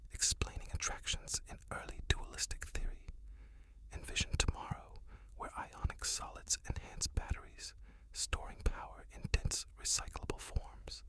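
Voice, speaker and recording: A narrator whispering gentle, soothing ASMR science narration for sleep, in the soft, slow manner of a guided relaxation.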